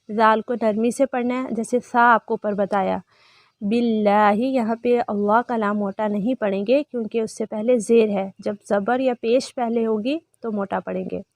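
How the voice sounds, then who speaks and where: A woman teaching prayer recitation online, chanting phrases slowly and carefully, then explaining pronunciation in quick asides. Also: fairly high pitch, no echo, studio quality. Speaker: tajweed teacher.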